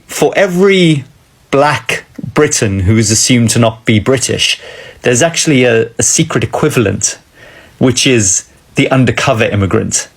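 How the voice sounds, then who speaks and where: A man's voice: medium pitch, husky. A South African man in his forties, speaking earnestly and a bit wryly straight to a phone camera. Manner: earnest, wry, direct to camera. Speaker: commentator. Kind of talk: casual chat. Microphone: phone camera close up.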